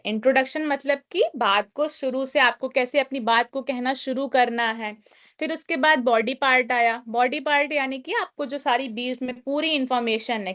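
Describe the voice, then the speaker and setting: A young woman leads a live online lesson, her voice slightly higher than most. She builds each point step by step, reads each English line slowly before restating it, and keeps dropping in a small filler phrase as she thinks. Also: fairly bright tone. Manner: frequent filler "kya kehte hain". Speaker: online class teacher.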